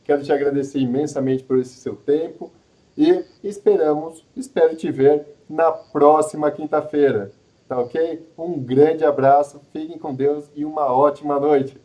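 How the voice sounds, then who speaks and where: A man's voice: fairly high pitch, steady tone, unhurried, mellow, low-quality recording. A man hosting a live web show, talking earnestly with frequent restarts and repetitions. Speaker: host. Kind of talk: live web show chat and course pitch.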